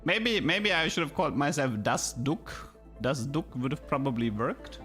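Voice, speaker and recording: His voice is on the high side, expressive, pushed, and bright at a normal speed as this German man livestreams gameplay in English with a German accent. Music plays behind his casual chat and running commentary, and he thinks aloud and repeats words frequently.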